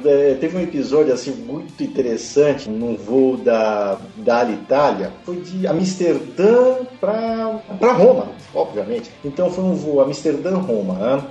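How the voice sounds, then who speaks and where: A man, a guest telling animated travel anecdotes in casual chat, with frequent tag questions and laughs. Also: on the high side, muffled recording. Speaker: podcast guest, private pilot. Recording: echoey room, faint background music.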